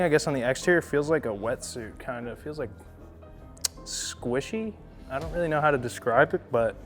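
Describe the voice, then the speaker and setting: A man hosting a casual unboxing vlog, joking and rambling in an offhand way. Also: mid-range voice. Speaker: host.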